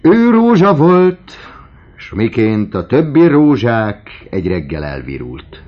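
A man's voice: medium pitch, sing-song, pitched above the performer's own voice, natural voice. A man voicing a sly, mocking forty-year-old man with sideburns, on a dull lo-fi recording.

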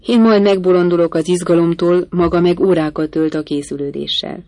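A woman reading the lines of an impatient, brusque gentleman bridegroom who gives curt, commanding orders. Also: lowish voice, fairly even intonation, dry recording, lightly acted.

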